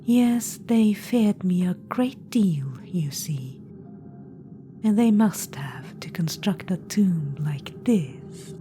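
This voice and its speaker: For an ASMR roleplay, a woman voices a haughty ancient witch-queen trapped in an orb, whispering softly in a regal, condescending way. Her fairly low voice is expressive and slow, set against a noisy background.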